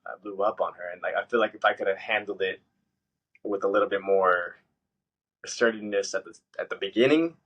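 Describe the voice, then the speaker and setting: A man telling a story in casual podcast chat, swearing freely and jumping into high-pitched voices when he quotes himself. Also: fairly quick, slightly rough, dull audio. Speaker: podcast host.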